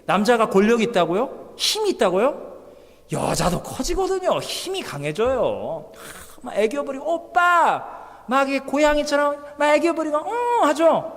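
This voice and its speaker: High-voiced animated male pastor preaching. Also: normal speed. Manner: animated, voices characters in quotes, swings from loud to soft. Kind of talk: lively sermon with acted-out quotes. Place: church hall. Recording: long church hall reverb.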